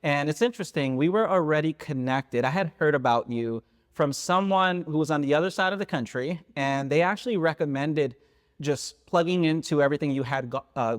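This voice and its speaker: A man's voice: medium pitch, in a large hall. A man hosting a podcast, chatting loosely and encouragingly as he introduces and questions his guest. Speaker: podcast host. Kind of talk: podcast interview.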